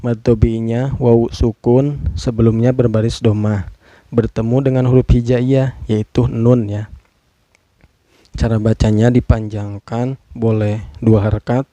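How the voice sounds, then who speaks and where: A man's voice: medium pitch, level tone, a little slow, warm tone, dry recording, highs cut off. A man teaching Quran recitation rules, patiently spelling out each rule and stretching words to demonstrate. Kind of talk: tajwid lesson with slow demonstrative recitation.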